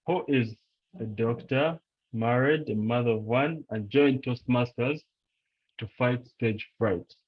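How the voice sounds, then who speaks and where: A man's voice: mid-range voice, lo-fi sound. A man acting as speech evaluator, introducing a speaker in a polite, formal and encouraging way. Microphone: video call.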